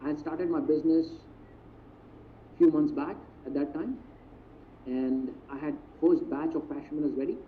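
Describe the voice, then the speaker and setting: A man with an Indian accent, a business mentor telling a story in a live online talk, animated and acting out quotes. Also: on the high side, moderate pace, long pauses. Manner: animated, mixes in Hindi phrases, acts out quotes. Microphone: video call. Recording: tinny phone-like audio, faint noise.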